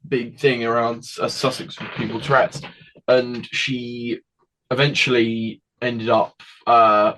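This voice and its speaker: A teenage boy, a guest telling his story in a rambling, halting way with frequent restarts. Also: medium pitch, little pitch movement, pushed and bright, low-quality recording. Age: teens. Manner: rambling, halting, with many restarts and acted quotes. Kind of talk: casual interview storytelling.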